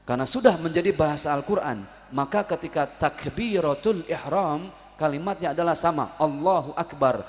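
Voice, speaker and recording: A Jakarta-born man preaching with a slightly high voice, animated and humorous. He keeps calling on the congregation to answer him back. The long reverb of a prayer hall trails behind his words. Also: normal speed. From Betawi, Jakarta. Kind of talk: lively religious sermon with call-and-response. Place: prayer hall at an evening gathering.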